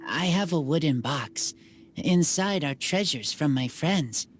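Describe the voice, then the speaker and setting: An actor playing a young man raised by wolves in a video game, speaking slowly in halting, broken sentences. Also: a little high, animated, slight background noise. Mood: earnest. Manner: halting broken speech, slow and plain. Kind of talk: video game character dialogue. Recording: game audio with music behind.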